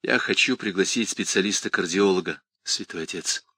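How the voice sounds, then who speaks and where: A man voices an exhausted, worried priest speaking in a quiet, flat, weary tone. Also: deep voice, normal speed, slightly rough, no room sound, heavily acted.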